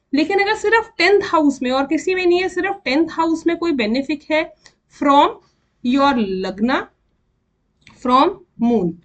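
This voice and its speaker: A woman with an Indian accent teaching astrology in a slow, deliberate way, counting out and repeating terms as she explains. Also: high voice. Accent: Indian English mixed with Hindi. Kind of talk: explanatory lesson.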